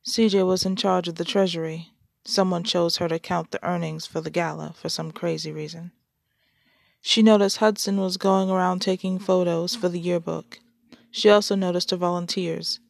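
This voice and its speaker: A woman's voice: on the low side, steady tone, moderate pace, vocal fry, no room sound, clean studio sound. Casual woman podcaster reading a story. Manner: casual, apologetic, chatty. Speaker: podcast host and story reader. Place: shared home.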